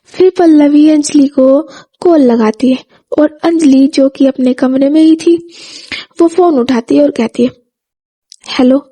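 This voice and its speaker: Story narrator: woman, high and mellow-voiced, steady and plain delivery. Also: a little slow. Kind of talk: scripted narration.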